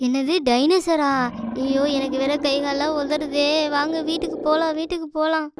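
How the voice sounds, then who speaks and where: A woman's voice: high-pitched, little pitch movement, moderate pace, very noisy, close to an everyday voice. A woman voicing a panicky older sister doll who frets, complains and scolds her little sister in a children's doll story. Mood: fretful.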